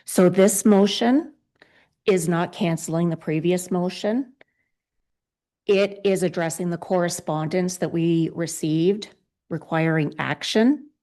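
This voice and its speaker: A woman clerk at a council meeting, her voice going a little hoarse. She reads draft resolutions in precise, formal wording, pitched slightly low. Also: slow, dark tone. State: losing her voice. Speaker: town clerk.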